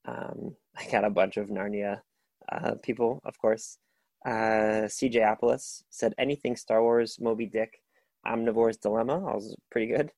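Here the solo book podcast host recommends reads casually, his darkish, low-leaning voice fairly even in intonation and moderate in pace. Enthusiasm spills out in rambling talk packed with fillers and restarts, recorded without room sound.

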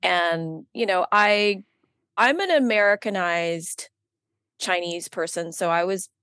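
Low-voiced American-raised woman guest, dry sound. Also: slow pace, fairly bright tone, clear, resonant tone, dry recording. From United States. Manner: many fillers, rambling and earnest. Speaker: guest, witchcraft practitioner. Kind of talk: casual interview chat.

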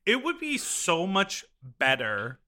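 A man's voice: high-pitched, huge pitch swings, slow, bright, forceful tone. A man in his thirties co-hosting a podcast in casual chat, campy and exclaiming. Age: 30s. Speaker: podcast co-host.

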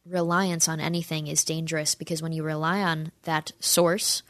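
Woman in her twenties, low voice, gravelly fry, earnest and persuasive, talks to viewers. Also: little pitch movement, moderate pace, fairly bright tone, dry recording. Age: 20s. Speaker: commentator answering audience questions. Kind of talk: opinion talk to camera.

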